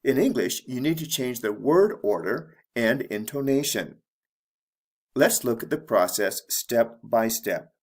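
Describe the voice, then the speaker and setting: Man, English teacher, beginner lesson, slow careful delivery, lively pitch. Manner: deliberate, modeling intonation for learners. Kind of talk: slow, clear lesson narration.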